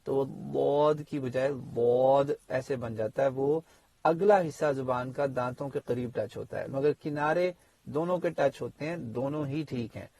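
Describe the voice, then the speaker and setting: A man teaches tajweed in a conversational, explanatory way. His voice sits at a middling pitch, close and dry with no room sound. He wanders into asides and fills his pauses as he goes. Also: darkish tone, slightly rough, no echo. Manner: explanatory, full of fillers and asides. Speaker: Quran teacher and imam. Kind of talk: spoken tajweed lesson.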